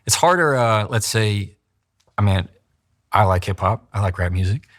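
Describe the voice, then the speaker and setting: A man with a somewhat low voice speaks as an attorney coaching people on how to communicate. He explains his points in an interview, slipping into examples and acting out how other people talk. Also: lively intonation, normal speed, fairly bright tone. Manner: acts out quoted voices, demonstrates pacing.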